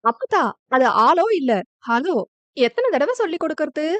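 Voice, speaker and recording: Woman voicing a chirpy high young woman. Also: dry recording. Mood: excited. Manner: rapid, excited pestering questions. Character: young woman Ilankuyil, lively and chattering. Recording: dull lo-fi dry recording.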